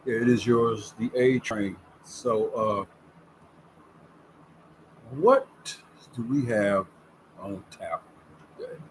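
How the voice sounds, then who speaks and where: This man in his fifties speaks on the low side with big pitch swings, drawn-out words and frequent pauses while hosting a casual sports vlog in a folksy, chatty way, leaning on words for emphasis. Recorded on a camera with a ring light, the rough audio has a little hiss or hum.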